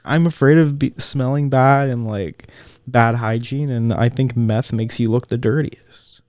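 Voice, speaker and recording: Young man, middle pitch, laid-back, hesitant repeats, dry close sound. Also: fairly even intonation, unhurried, a little mellow, dry recording. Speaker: podcast co-host. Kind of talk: casual chat.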